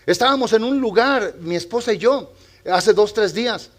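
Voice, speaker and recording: A male pastor preaching a sermon in a church, swinging between loud exhortation and quiet storytelling. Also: high voice, moderate pace.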